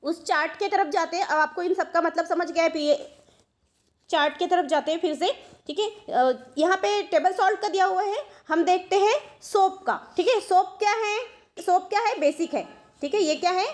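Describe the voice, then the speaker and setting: A woman's voice: very high-pitched, moderate pace. A woman teacher giving a science lesson, explaining step by step, asking questions and answering them herself. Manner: explains step by step, asks and answers her own questions, mixes English terms. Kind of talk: classroom science lecture.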